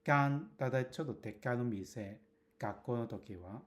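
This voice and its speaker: A man teaching in a video lesson, drawing out example phrases slowly and repeating them. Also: mid-range voice. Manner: slow, drawn-out drills of example phrases. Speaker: Cantonese language teacher.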